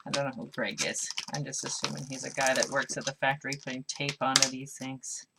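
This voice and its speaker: A woman's voice: rumbling low, level tone, a little fast, vocal fry, very noisy. A woman teaching a live craft class, chatting casually and mumbling to herself as she works. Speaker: craft instructor.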